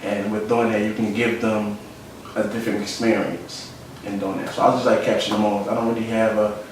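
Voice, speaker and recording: Echoey Philadelphia man, low voice. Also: little pitch movement, fairly quick, background noise. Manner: reflective, repeats phrases, slangy. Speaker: interviewee, photographer. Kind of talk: casual interview. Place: studio room. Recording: echoey room, mic at a distance.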